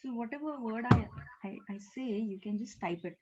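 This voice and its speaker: A woman's voice: a little high, expressive, a little fast, very noisy. A woman with an Indian English accent teaching Japanese in an online class, explaining step by step with many fillers and repeated words. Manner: explanatory, with frequent fillers and repetitions. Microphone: video call. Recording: lo-fi video call audio.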